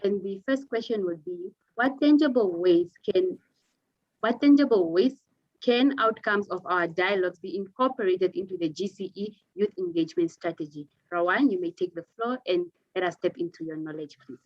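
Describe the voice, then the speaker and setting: A woman's voice: medium pitch, animated, normal speed, muffled recording. Polite woman moderating an online panel. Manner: polite, formal turn-giving.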